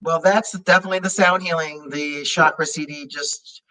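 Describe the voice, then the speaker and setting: A non-native English-speaking man, a sound healer, talking in a halting way with many restarts while he searches for words. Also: fairly high pitch, fairly even intonation, bright, forceful tone, low-quality recording. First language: not English. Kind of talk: casual interview chat.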